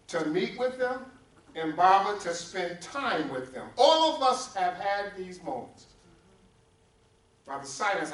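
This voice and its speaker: A man's voice: high-pitched, fairly bright tone. Preaching man in an echoey sanctuary. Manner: call-and-response preaching, addressing congregants by name. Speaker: pastor. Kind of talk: sermon. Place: church sanctuary. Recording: roomy echo, distant mic, faint hum.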